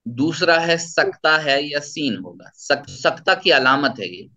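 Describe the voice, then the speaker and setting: Male tajweed teacher, patient, repeats himself; bright tone, muffled lo-fi recording. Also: a little high, expressive. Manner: patient, explains and repeats points. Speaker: Quran recitation teacher. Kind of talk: tajweed lesson with recitation.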